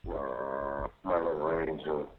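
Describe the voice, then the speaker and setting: A jail inmate with a rumbling low voice speaks slowly and steadily on a phone call, casually and profanely venting to his partner. He rambles and keeps checking he's understood with "you know what I mean," over a muffled jail phone line with faint music.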